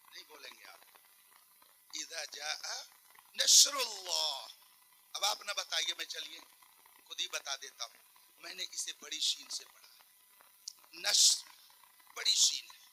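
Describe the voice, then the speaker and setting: A man preaching a sermon at a public gathering. He moves from soft teaching to loud shouted climaxes and draws out his recitations slowly. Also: on the high side, a little hiss or hum, low-quality recording. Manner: recites Quranic phrases slowly and drawn out.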